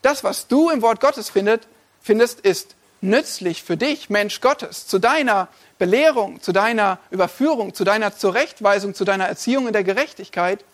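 A man's voice: high voice, moderate pace. A male pastor preaching a sermon, addressing listeners directly with emphatic, repeated lists.

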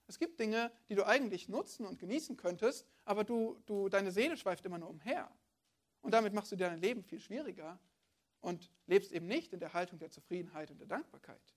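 A woman delivers a sermon in an easy, conversational tone, speaking straight to her listeners. She keeps posing questions back to them. Her voice sits at an ordinary middle pitch. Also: lively intonation, a little fast. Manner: conversational, addresses listeners directly with rhetorical questions. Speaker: preacher.

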